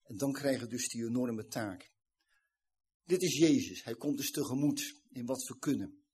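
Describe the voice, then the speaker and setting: A man with a slightly husky, breathy voice delivers a sermon. He retells a scripture scene in an earnest, explanatory way, at a moderate pitch for a man. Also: moderate pace, darkish tone. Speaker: preacher.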